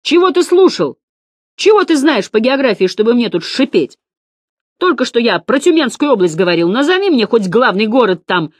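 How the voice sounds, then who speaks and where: A woman voicing an insolent teenage schoolboy in an audiobook, shrill and whining. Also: big pitch swings, brisk, few pauses, no room sound, clean studio sound.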